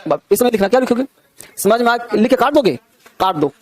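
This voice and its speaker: A man teaching an English grammar lesson to students. He drills examples slowly and keeps checking whether everyone has understood. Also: very high voice, lively intonation. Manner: repeats questions to check understanding.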